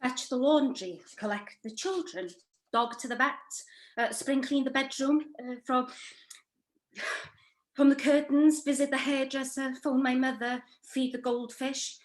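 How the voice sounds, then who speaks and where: A woman's voice: high voice, steady tone, measured pace. A woman playing a weary, plaintive wife trapped in her role, in a dramatic play reading with an echoing sound. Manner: plaintive, sighing.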